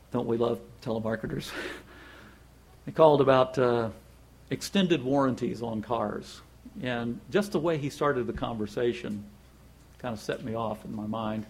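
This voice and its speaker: A man giving a conversational devotional Bible talk, reading scripture slowly and chatting in a folksy way with chuckles between points. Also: medium pitch, darkish tone, husky. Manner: reads scripture slowly and deliberately. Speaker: Bible teacher.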